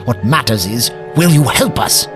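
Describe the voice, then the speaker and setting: An actor playing a proud, fussy, forgetful old time-travelling Doctor in an audio drama, halting and grandly formal. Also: male voice, mid-range voice, lively intonation, over music, close to an everyday voice. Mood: urgent, persuasive.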